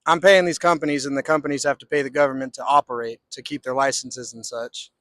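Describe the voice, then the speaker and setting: A man's voice: mid-range voice, fairly even intonation, quick pace, a bit bright, no echo. A man from Texas with a Southern accent, chatting casually in a street interview in a folksy, hesitant way. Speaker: interviewee, construction laborer.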